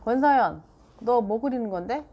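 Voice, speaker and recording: A woman reading a children's book aloud and voicing a quick-tempered mother who scolds in a sharp, loud voice. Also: a little high, sing-song, breathy edge, lo-fi sound, pitched above the performer's own voice. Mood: scolding.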